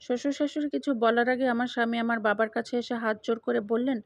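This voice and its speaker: A woman narrating a first-person story in an even, matter-of-fact way. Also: a little high, fast, no room sound. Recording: dull lo-fi dry recording.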